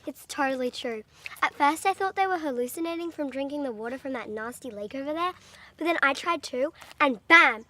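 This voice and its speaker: A woman's voice: sits high, a little fast, sharp tone. A young woman playing a stranded teenager in film dialogue, talking earnestly and insistently. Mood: matter-of-fact. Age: teens.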